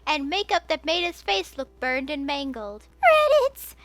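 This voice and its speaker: A woman reading a fan fiction story aloud, expressive and playful. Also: sits high, moderate pace.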